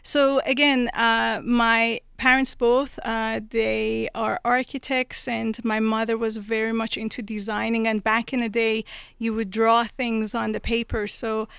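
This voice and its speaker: Creaky-voiced young woman from Iran. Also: on the high side, flat delivery, unhurried, a bit bright, no echo, clean studio sound. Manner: earnest, storytelling, many fillers. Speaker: guest, children's book author. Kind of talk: conversational interview.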